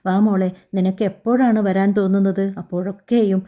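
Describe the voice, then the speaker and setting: Woman doing a tender reassuring mom, soft mellow storybook voice. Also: mid-range voice, fairly even intonation, moderate pace, close to an everyday voice. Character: caring older mother on the phone.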